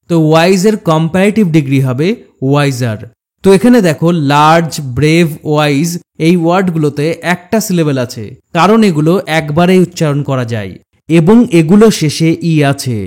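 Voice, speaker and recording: A man teaching a grammar lesson in a steady, explanatory way, talking straight to the learner and slowing down to repeat example words. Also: a little high. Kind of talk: scripted grammar lesson narration.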